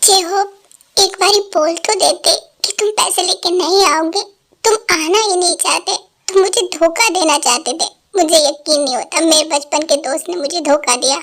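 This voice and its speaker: A woman's voice: very high-pitched, moderate pace, a bit bright. A woman dubbing a grieving young husband. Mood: bitter anger. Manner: pleading, tearful. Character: grieving young husband, man in his twenties. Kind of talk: Hindi fan dub.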